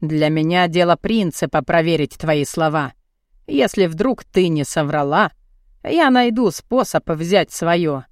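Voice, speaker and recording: A woman's voice: lowish voice, expressive, unhurried, dry recording, studio quality, voice pushed down. A woman voicing a crude, cocky young muscleman who taunts and speaks bluntly in an audiobook. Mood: mocking. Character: crude cocky muscular young man, mocking and pushy. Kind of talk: audiobook character voice.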